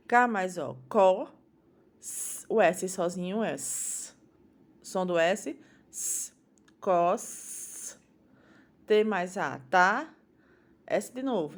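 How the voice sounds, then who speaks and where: A woman with a Brazilian Portuguese accent teaching a phonics lesson to young children, patiently sounding out syllables one at a time. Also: lowish voice.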